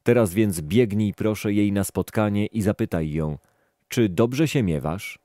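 A man's voice: lowish voice, measured pace, dark tone, dry recording, clean studio sound, close to an everyday voice. A man reading as a stern old prophet. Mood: solemn.

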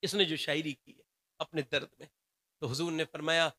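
A man's voice: a little high, steady tone, bright, forceful tone. A man preaching a sermon, telling a story with passion.

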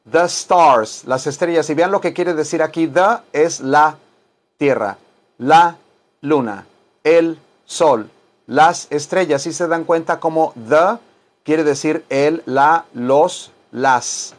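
A man gives a Bible-based English lesson, stretching out English words and repeating them so listeners can follow. His voice sits a little high for a man, and he takes his time. He slips in chatty, joking asides between the drills. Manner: slow, carefully drawn-out English words repeated for the class. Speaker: English teacher at a church service.

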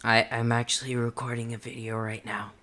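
A man's voice: medium pitch, flat delivery, a little fast, sharp tone. A young man streaming a game, chatting casually on a headset mic in a teasing, evasive way.

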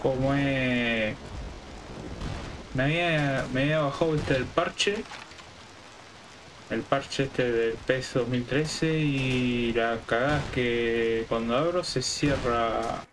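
A man's voice: mid-range voice, steady tone, slow pace, background noise. A man in his thirties with an Argentine accent, chatting casually while he plays a game on stream. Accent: Argentine Spanish. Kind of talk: casual chat while playing. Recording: game gunfire and rain behind. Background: war game sounds.

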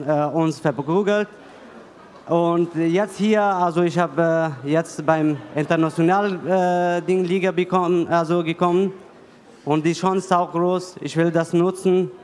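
A man's voice: a little high, darkish tone. A man in his thirties from Afghanistan, a fighter answering interview questions in broken, hesitant speech full of fillers and restarts, talking into a handheld mic at an indoor fight venue. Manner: halting, many fillers and restarts. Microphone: handheld mic held by interviewer. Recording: long hall reverb.

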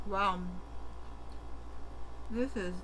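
A woman reviewing fast food in a casual, candid way, talking while chewing. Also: mid-range voice, background noise. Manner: candid, drawn-out reactions.

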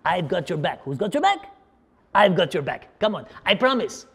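A man's voice: high-pitched, big pitch swings, moderate pace, fairly bright tone, heavily acted. An actor playing a slick, crude, evasive talent agent in a scripted comedy, blustering and stammering as he wheedles.

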